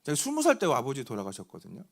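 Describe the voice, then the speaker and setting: A young man giving a youth sermon in an animated storytelling way, swinging from loud to hushed. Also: medium pitch, fast talker, gravelly, husky. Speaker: youth pastor.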